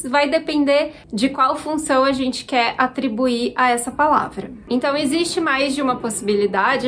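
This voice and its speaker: A woman from Brazil with a Minas Gerais accent, explaining Portuguese grammar clearly as a teacher answering viewer questions. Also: high-pitched, slight background noise.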